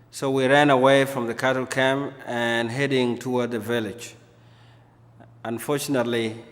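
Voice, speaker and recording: A young man from Sudan, recounting his life story in a measured, plain way and often pausing to repeat words. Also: mid-range voice. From South Sudan. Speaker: interviewee. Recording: long hall reverb.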